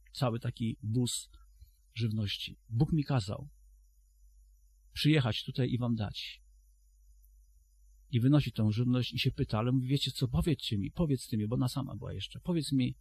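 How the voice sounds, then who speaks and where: A man's voice: mid-range voice, darkish tone, husky. A man preaching a sermon to a congregation, retelling a story and then addressing his listeners directly, often restarting his phrases.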